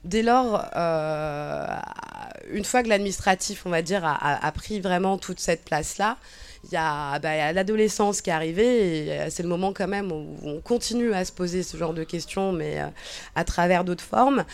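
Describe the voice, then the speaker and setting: Born in Cabinda, Angola, this woman in her thirties speaks as an interview guest, sharing her testimony reflectively and with plenty of fillers and false starts. Her fairly low voice is clear and resonant, at a moderate pace.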